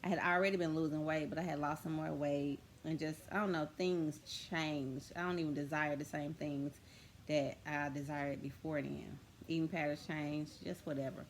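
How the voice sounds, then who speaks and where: Woman, deep-pitched, casual rambling vlog chat, faint hum behind. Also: fairly even intonation, normal speed. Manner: rambling, chatty, with many fillers and restarts. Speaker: vlogger. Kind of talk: casual spiritual vlog talk.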